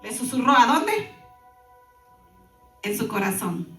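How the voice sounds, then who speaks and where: A woman pastor giving an animated sermon, breaking in with lively asides to the congregation. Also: on the high side, takes it slowly, echoey room, far from the mic, soft background music.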